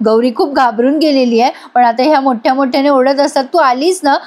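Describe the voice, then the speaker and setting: A woman's voice: high-pitched, fairly even intonation, fast, darkish tone. A woman narrating a chatty recap of a TV serial, addressing her viewers directly. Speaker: serial reviewer. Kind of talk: storytelling recap.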